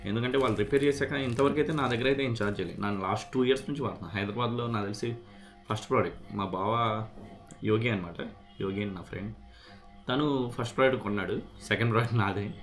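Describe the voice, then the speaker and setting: Over soft background music, a man with a voice on the low side talks fast and casually about a product repair he experienced. It's an explanatory vlog with unboxing, and he keeps mixing English words in.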